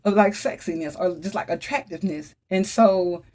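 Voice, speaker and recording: A woman's voice: on the low side, normal speed, darkish tone. A woman giving a casual spoken tarot reading, talking straight to her viewers in a chatty, emphatic way and often exclaiming. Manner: talks straight to viewers, calls on the Holy Spirit. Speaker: tarot reader.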